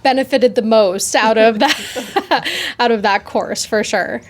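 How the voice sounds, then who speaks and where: Young woman, twenties, casual interview guest, quick chatty delivery, fillers and restarts, a bit high-pitched. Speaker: occupational therapy graduate, guest.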